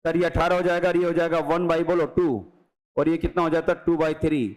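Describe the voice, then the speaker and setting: Brisk high-voiced Indian math tutor man. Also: completely flat delivery, poor audio. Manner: brisk, coaxing, acts out students' questions. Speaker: math teacher. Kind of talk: exam-prep math lecture.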